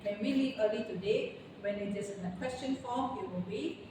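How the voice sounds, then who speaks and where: A woman's voice: medium pitch, far from the mic. Woman teacher in an echoey classroom. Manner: slow, drawn-out model phrasing for students. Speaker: English teacher. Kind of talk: classroom lesson. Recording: echoey, noisy classroom from afar.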